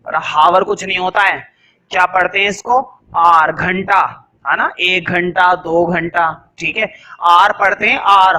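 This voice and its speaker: A man teaching a grammar class at a board, lively, asking the class questions and answering them himself. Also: high-pitched, poor audio.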